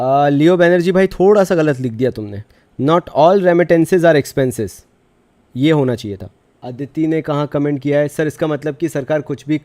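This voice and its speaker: A man's voice: fairly high pitch, a little mellow. A friendly young man teaching a live online commerce class, mixing Hindi and English and answering students' chat comments in a reassuring way. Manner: friendly, reassuring, calls students brother and dear; mixes Hindi with English phrases.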